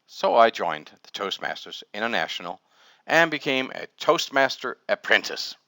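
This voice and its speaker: A middle-aged Danish man, whose first language is Danish, delivers a humorous prepared speech packed with wordplay at a public speaking club. His lowish voice is very animated and sharp, moving at a moderate pace in a playful storytelling style. The recording is clean studio sound with no echo.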